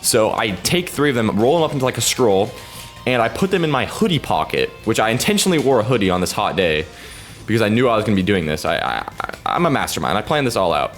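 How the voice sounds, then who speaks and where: A man's voice: on the low side, very animated, quick pace, soft background music. A teenage boy rambling through a story while playing a video game, breaking off to trash-talk opponents. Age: teens. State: keeping voice down so his sleeping father won't hear. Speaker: gaming video creator.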